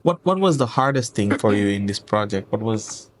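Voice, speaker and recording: A man's voice: on the low side, animated, normal speed. A man in his twenties from Senegal, hosting a casual interview chat, often laughing and saying "yeah". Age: 20s. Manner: warm praising, laughs often, repeats "yeah". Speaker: host and project founder.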